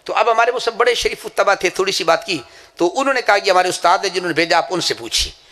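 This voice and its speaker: A man's voice: high voice, bright, forceful tone. A man from Pakistan preaching an impassioned sermon at a madrasa gathering, telling anecdotes and swearing to his sincerity.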